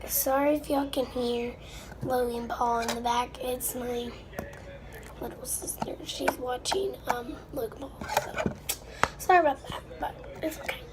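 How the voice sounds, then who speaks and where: A young slime-video girl, sick and stuffy, rambles and chats with her viewers in a casual, mildly apologetic way while crafting at home. Her voice is high and steady, a little slow, and the amateur audio is noisy with clicks.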